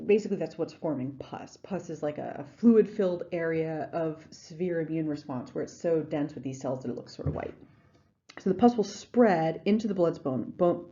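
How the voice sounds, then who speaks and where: Woman lecturing, warm and low. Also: dull audio. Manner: conversational, frequent ums and restarts. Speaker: instructor. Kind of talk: recorded lecture.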